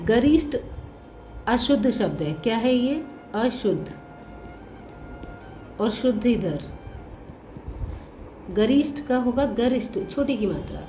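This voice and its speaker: A woman's voice: on the high side, very animated, takes it slowly, long pauses, warm tone. A woman college professor giving a spelling lesson, patiently working through correct and incorrect words and repeating each one. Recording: echoey room with faint music.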